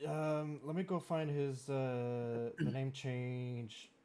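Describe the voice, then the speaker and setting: A man with a French Canadian accent hosting a racing league draft, chatty and quick to laugh, with plenty of fillers. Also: medium pitch, flat delivery, warm tone, clear, resonant tone. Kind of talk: live-streamed draft commentary.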